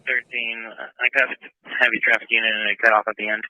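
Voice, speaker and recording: A man's voice: on the low side, little pitch movement, fast talker, pushed and bright, no room sound. A man working as a police radio dispatcher, talking in terse, clipped codes over a walkie-talkie. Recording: tinny dry radio transmission.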